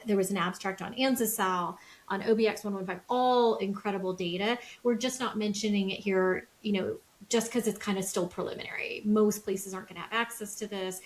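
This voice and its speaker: A middle-aged woman from the United States, co-hosting a medical podcast in a chatty, quick way with joking asides. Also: medium pitch, steady tone, low-quality recording. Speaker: podcast co-host, melanoma doctor. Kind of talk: casual podcast discussion.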